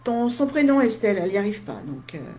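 A woman speaks casually to her live-stream audience, replying to their comments in short, chatty asides. She sounds tired, and a slight head cold leaves her voice faintly husky and dry. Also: mid-range voice, very animated, quick pace, a little mellow. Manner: chatty, talks straight to viewers in short asides. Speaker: medium.

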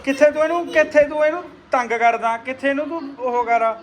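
A woman's voice: high-pitched, brisk, slight background noise, low-quality recording. A woman with a Punjabi accent, filming a casual family vlog and coaxing and teasing her children with questions.

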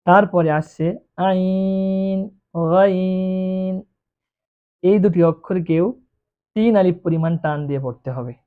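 In a beginner Quran reading lesson, the teacher talks a little fast in a mid-range voice, patiently elongating every letter sound to show it. The audio has a thin, phone-like quality.

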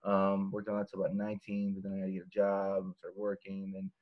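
He's a guest author in his thirties from LA, chatting loosely over a laptop webcam from his living room. His low voice is monotone and quick, the audio lo-fi, and he wanders through his points with lots of fillers and false starts.

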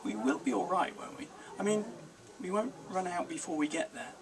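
A man's voice: high-pitched, expressive, moderate pace, distant mic, crowd noise, pitched above the performer's own voice. A man doing a timid, hesitant young boy. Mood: anxious. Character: anxious young boy at sea.

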